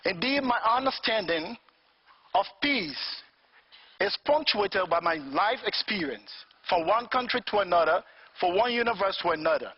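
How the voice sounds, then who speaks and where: A man's voice: sits high, animated, moderate pace, breathy edge, dull audio. A man from Liberia in his fifties, giving a formal, earnest speech as an invited speaker and posing rhetorical questions.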